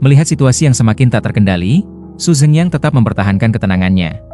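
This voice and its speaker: Fast, mellow-voiced male recap narrator. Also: mid-range voice, lively intonation. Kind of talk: scripted story recap narration. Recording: narration over background music.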